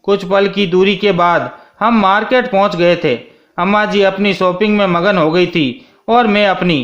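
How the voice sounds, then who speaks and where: A man narrating a first-person story in a steady, scripted reading. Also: sits high, moderate pace. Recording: dull lo-fi sound.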